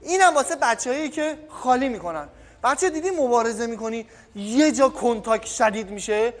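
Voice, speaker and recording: This very high-pitched boxing coach from Iran has a cold and speaks with lots of energy, calling his viewers kids in a casual training tutorial and trailing off quietly at times. He's in a gym by a punching bag, captured by camera audio with no microphone and a long echoing reverb.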